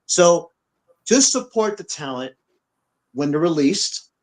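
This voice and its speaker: Brief: high-voiced male podcast co-host, blunt and profane, repeats himself mid-rant. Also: slow pace, low-quality recording. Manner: blunt, repetitive, profane, animated. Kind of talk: heated opinion rant. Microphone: on camera.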